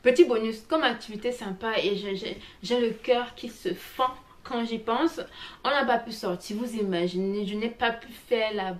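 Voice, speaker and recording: A woman's voice: on the high side, moderate pace. A woman vlogger chatting casually and animatedly, speaking straight to her viewers about a trip. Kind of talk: casual travel vlog.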